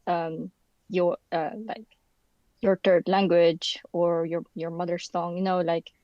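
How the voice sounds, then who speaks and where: Chatting as a guest on a podcast, a young Philippine-born woman raised in the Netherlands, now a university student, talks casually in an indoor room with lots of fillers as she looks for the right words. Her pitch is fairly low with little movement, her pace measured. The recording is muffled, with no room sound.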